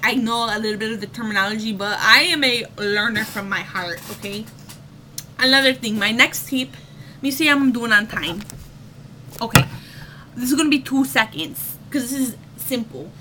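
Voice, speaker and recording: A woman's voice: high voice, sharp tone, a little hiss or hum. A young woman giving casual singing tips in a home vlog, chatty with lots of fillers, breaking into short sung demo notes.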